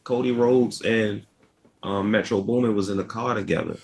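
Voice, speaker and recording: A young podcast co-host from Baltimore, Maryland, speaks with a Baltimore accent in a low, husky, darkish voice that stays steady at a moderate pace. He keeps the casual chat laid-back and rambling.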